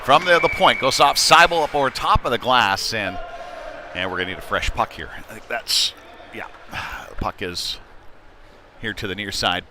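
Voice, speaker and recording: This is a fairly low-voiced man doing live commentary on a youth hockey game at a moderate pace. His calls are casual, slightly hesitant and unpolished, set against loud ice rink noise.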